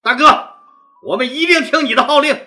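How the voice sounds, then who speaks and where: Eager young village men , voiced by a male storyteller, wheedle and plead in a high, bright, lively voice. Their pitch leaps around with excitement. They sound keen and a little cheeky. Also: normal speed, faint music behind, heavily acted.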